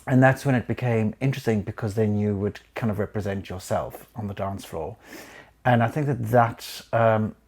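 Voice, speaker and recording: A man in his forties from South Africa, a choreographer recounting his life story in a reflective, halting way with frequent pauses and restarts. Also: on the low side, darkish tone.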